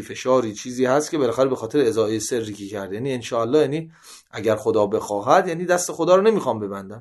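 Man, religious lecture, reads then paraphrases, lively pitch jumps on quotes, mid-pitched voice. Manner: reads Arabic passages then paraphrases in colloquial Persian; animated, with sharp rises in pitch when quoting. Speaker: religious teacher. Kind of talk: seminary lecture reading and explaining hadith.

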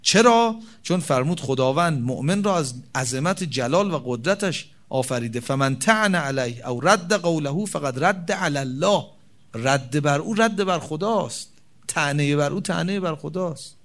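A man preaching a sermon, reciting Arabic sayings slowly and explaining them in a conversational tone, swinging between loud emphatic peaks and soft low asides. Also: lively intonation. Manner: quotes Arabic hadith slowly, then explains in colloquial Persian. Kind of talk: religious sermon.

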